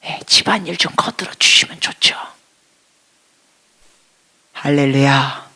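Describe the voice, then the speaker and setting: Bright-voiced woman preaching a sermon. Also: low-pitched, measured pace, husky. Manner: quizzes the congregation, drops to a whisper for emphasis. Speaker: missionary preacher. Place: church service before a congregation.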